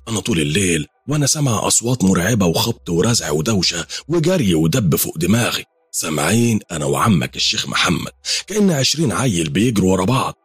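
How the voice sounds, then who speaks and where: An older Egyptian neighbor woman in a horror storybook, insistent and lecturing, as a male narrator voices her. Her voice stays low and husky, lively in its rise and fall, with a dry sound. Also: dry recording, full character voice. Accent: Egyptian Arabic.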